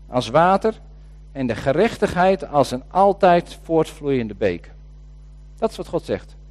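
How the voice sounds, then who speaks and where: A man preaching a sermon in a conversational way, pausing with hesitations and reading scripture passages with emphasis. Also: on the high side, darkish tone.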